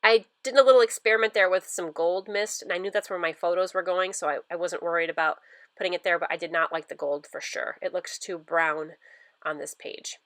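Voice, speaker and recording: Stuffy-nosed chatty woman, bright voice. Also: fairly low pitch, steady tone, brisk, no room sound. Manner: chatty, rambling, lots of fillers. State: stuffy nose from a cold. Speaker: scrapbooking vlogger. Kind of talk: casual voice-over narration of a craft process.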